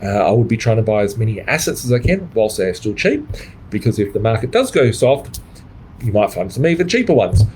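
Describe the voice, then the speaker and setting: Low-pitched, darkish, and very animated, he talks at a brisk clip through a low-quality recording with a little hiss or hum. He's a middle-aged Australian property-investor coach delivering a blunt, profanity-laced livestream monologue, frequently capping his points with "right?".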